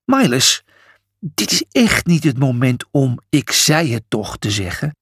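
A man's voice: animated, unhurried, husky, dry recording, studio quality. A man voicing a whiny, cheeky young male pig who panics easily. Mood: panicked. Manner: high, whining, panicked.

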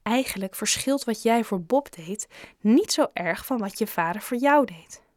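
A woman voicing a kind, gentle grown-up shopkeeper in an audiobook, coaxing and caring. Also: on the high side, unhurried, no echo, studio quality. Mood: wise. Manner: gentle, coaxing, sometimes lively. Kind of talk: audiobook character reading.

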